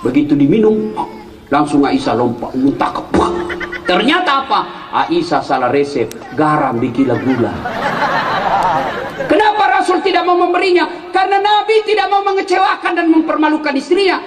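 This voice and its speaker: High-voiced man preaching a jokey sermon. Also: big pitch swings, moderate pace, faint music behind. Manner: joking storyteller who shouts punchlines at the congregation. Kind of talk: humorous sermon. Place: large hall with an audience. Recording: echoey hall, distant mic, faint crowd.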